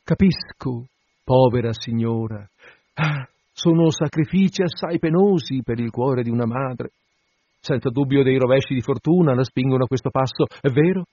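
A man's voice: medium pitch, moderate pace, dark tone, slightly rough, no echo, muffled recording. A man voicing an affected, flustered society baroness in her fifties, fussy and pompous, in a storybook reading.

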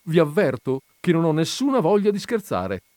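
A man's voice: mid-range voice, very animated, slow, darkish tone, no echo, studio quality, voice pushed up. A man reading aloud, voicing a grieving widow who grows indignant and exasperated.

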